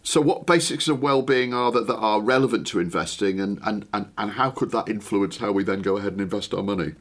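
A man's voice: on the low side, fairly quick. Jokey, informal man co-hosting a podcast. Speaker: podcast co-host asking questions. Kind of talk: casual chat.

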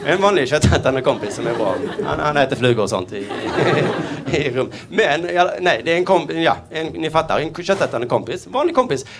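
A man's voice: a little high, a loud crowd, heavy background noise. Stand-up comedian man, audience laughing. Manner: absurd deadpan jokes with quick voiced asides. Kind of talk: stand-up routine. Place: comedy stage before a live audience. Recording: stage mic with loud audience laughter.

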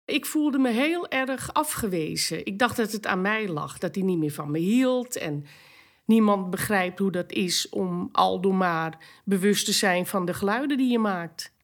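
A woman's voice: mid-range voice, expressive, a little slow. A woman interviewed for a documentary, talking emotionally and hesitantly about her home life. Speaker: interviewee, wife.

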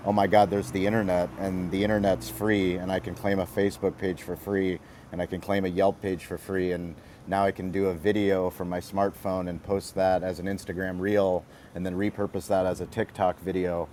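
A man's voice: low voice, little pitch movement, moderate pace, a little mellow, a little hiss or hum. A man talking energetically and emphatically on an audio chat panel, stacking repeated phrases to drive his points home. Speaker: restaurant marketing guest speaker. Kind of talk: motivational panel talk.

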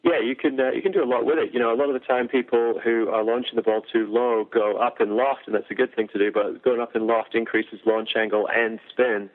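A man's voice: mid-range voice, level tone, brisk, few pauses. A man, a golf equipment engineer, explaining driver technology in detail with frequent fillers. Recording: tinny phone-like audio.

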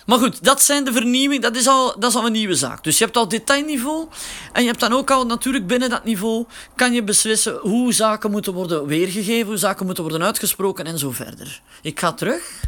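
A man leads a casual spoken tutorial in a high, lively voice. He explains step by step, slowly and with filler words, as he works a phone. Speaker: instructor.

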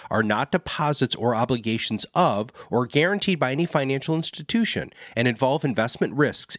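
A man's voice: medium pitch, dry recording, clean studio sound. Man reading a legal disclaimer. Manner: steady, formal reading. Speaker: disclaimer announcer. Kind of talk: scripted legal disclaimer read.

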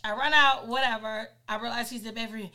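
A woman, co-hosting a podcast and telling a story in casual chat, animated and jumping high in pitch when she quotes herself. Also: fast. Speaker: podcast co-host.

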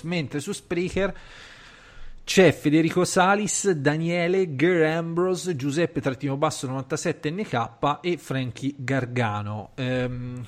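A male podcast host chatting casually at a middle pitch. He speaks colloquially, like someone among friends, and slips into crude jokes. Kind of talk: casual chat.

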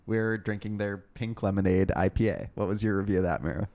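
A man from New York hosts a casual podcast in a lowish voice. He keeps the talk moving with jokes and quick asides. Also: steady tone, a little mellow. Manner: joking, talkative, leads the conversation. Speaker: podcast host. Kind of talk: casual chat.

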